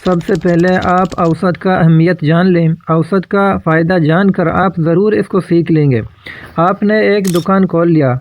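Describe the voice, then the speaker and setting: A man's voice: high-pitched, fairly even intonation, a little mellow. A man explaining a simple math method step by step in a patient lesson, working through examples. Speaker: math teacher.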